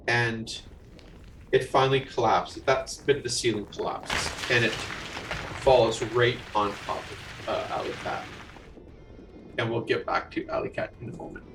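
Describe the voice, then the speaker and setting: A man's voice: mid-range voice, recorded from a distance. Casual man running a tabletop game. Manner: casual, rambling narration with fillers. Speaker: game master.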